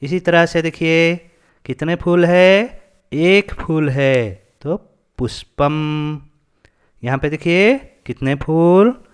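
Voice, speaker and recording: A man's voice: fairly high pitch, slow, clear, resonant tone. A man teaching a Sanskrit lesson to children, patiently asking questions and answering them himself.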